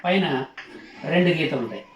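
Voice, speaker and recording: A male teacher giving a slow alphabet lesson, patiently repeating each sound and stopping to ask his learners questions while he writes. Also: on the high side, sing-song, slight background noise. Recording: roomy echo.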